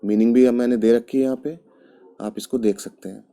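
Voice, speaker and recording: A man from India teaching a language lesson, speaking slowly and patiently and repeating each example word several times. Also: medium pitch, fairly even intonation, mellow.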